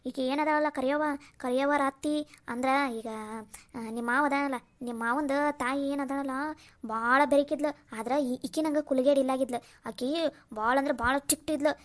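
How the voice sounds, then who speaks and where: Woman doing nosy older village lady gossiping, cartoon, north karnataka accent, high pitched. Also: steady tone, moderate pace, lightly acted. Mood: chatty. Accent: North Karnataka Kannada. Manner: chatty, gossiping. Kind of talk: cartoon voice acting.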